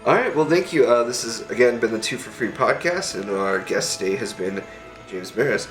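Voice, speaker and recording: A man's voice: mid-range voice, animated, fairly quick, a bit bright, reverberant, faint music behind, low-quality recording. A man hosting a podcast, talking casually and rambling a bit about theater as a hobby. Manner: loose and rambling, with fillers. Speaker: podcast host. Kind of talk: casual chat.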